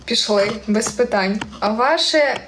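A woman's voice: a little high, expressive, measured pace. A young woman from Ukraine speaking with a central Ukrainian surzhyk accent, chatting casually on a live stream and reading viewer comments aloud with frequent giggles. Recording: echoey room with faint ambient noise.

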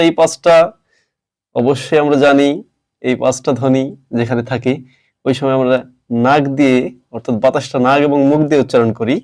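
A man's voice: medium pitch, a little mellow. Male teacher explaining pronunciation to students. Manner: explains step by step, asks students questions. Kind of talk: classroom lesson on pronunciation.

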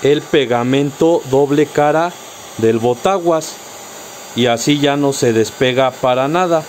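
A man's voice: medium pitch, measured pace, a little mellow, a little hiss or hum. A man with a Mexican accent narrating a step-by-step car accessory tutorial, patiently instructing viewers directly. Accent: Mexican Spanish.

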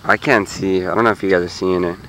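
Low-voiced man vlogging outdoors. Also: fairly even intonation, fast, fairly bright tone, a little hiss or hum, low-quality recording. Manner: chatty, talks to viewers while digging. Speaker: metal detecting vlogger. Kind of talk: casual narration to camera. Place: outdoors in a park.

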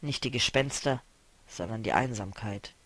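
A man reading a novel aloud, voicing a weary, melancholy male traveler who speaks quietly and broodingly. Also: on the low side, moderate pace, voice pushed down.

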